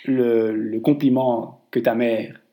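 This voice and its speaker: A man's voice: medium pitch, little pitch movement, takes it slowly, dark tone. A man co-hosting a casual podcast chat, teasing his co-host in a mock-formal way. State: tired voice, clearing throat.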